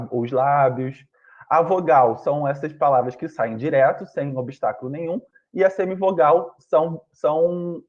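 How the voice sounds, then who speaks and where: A man teaching an online grammar lesson, explaining step by step and often checking in with his students. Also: fairly high pitch. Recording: dull lo-fi online class audio.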